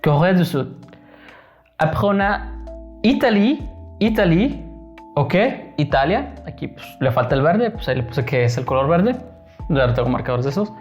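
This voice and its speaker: A man teaching a beginner French lesson, patiently repeating each word slowly and checking in with his students. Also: medium pitch, lively intonation, faint music behind.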